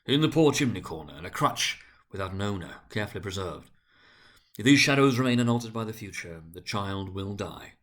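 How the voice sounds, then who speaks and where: A man's voice: on the low side, expressive, fairly quick, fairly bright tone. Man playing a stern, solemn, declamatory ghost. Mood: grave. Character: stern, booming ghost rebuking a miserly man.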